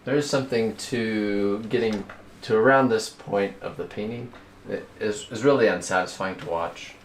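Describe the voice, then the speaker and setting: A man's voice: on the low side, moderate pace. A man painting on a livestream, talking reflectively about his work and searching for his words. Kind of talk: casual livestream chat. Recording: roomy, noisy, echoey room.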